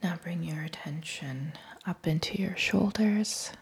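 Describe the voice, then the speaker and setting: Female meditation guide, whispered delivery, very slow pacing, breathy and gravelly texture. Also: lowish voice. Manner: soft whispering throughout, calm and unhurried.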